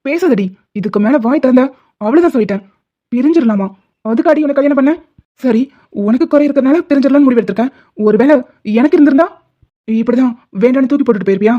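A woman voicing a protective, hot-tempered young husband in an animated drama, scolding in fast outbursts. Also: sits high. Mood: angry. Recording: dull lo-fi audio.

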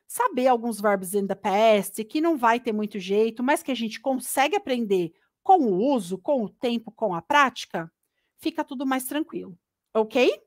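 A woman with a Brazilian accent giving a live online English lesson, chatty and lively, mixing English words into her Portuguese. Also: a little high, no room sound, clean studio sound. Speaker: English teacher. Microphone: computer mic on a live stream.

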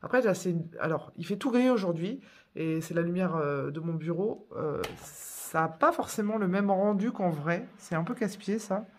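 A woman hosting a coloring tutorial in a casual voice-over, chatty and hesitant, filling pauses often. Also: fairly low pitch, lively intonation, a little mellow. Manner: chatty, hesitant, many fillers.

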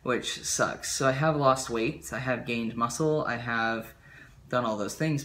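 In a small bedroom under a ceiling fan, a young vlogger rambles to camera, full of fillers and "likes," his voice apt to crack. It's medium-pitched, pushed and bright, with a little hiss or hum in the audio.

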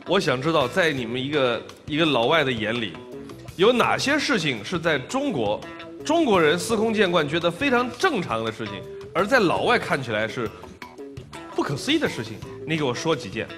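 A middle-aged man hosts a dating show from a studio stage. His voice sits fairly high and swings widely in pitch, with music heard behind him. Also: big pitch swings, brisk, long reverb tail. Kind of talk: spontaneous stage hosting. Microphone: headset.

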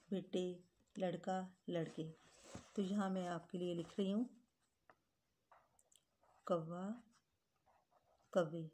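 A woman's voice: on the low side, warm tone. A woman teaching a grade-school Urdu grammar lesson, patiently spelling words out letter by letter and calling her pupils children.

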